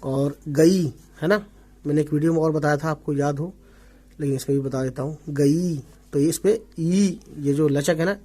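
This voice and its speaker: A man teaching an Urdu writing lesson in Hindi, repeating words slowly and often checking that viewers follow along. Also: on the high side, warm tone, breathy edge. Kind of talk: online language lesson. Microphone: omnidirectional desk microphone.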